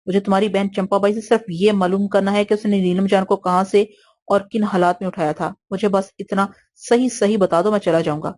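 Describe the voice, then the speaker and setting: A woman's voice: medium pitch, steady tone, a little mellow, close to an everyday voice. A woman reading an audio novel aloud, voicing an angry young man who demands answers in a raised, agitated voice.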